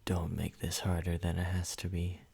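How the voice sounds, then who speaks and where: A man plays an obsessive, possessive yandere vampire lover in an ASMR roleplay, using a full character voice that is deep, gravelly and husky. His delivery is slow, flat and hushed, soft and controlling, often dropping to whispers, and the mood is intimate and menacing.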